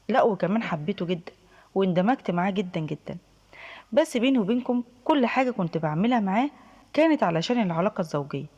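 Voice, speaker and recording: A woman's voice: medium pitch, darkish tone. A young woman with an Egyptian accent telling a first-person story in a confiding, emphatic way.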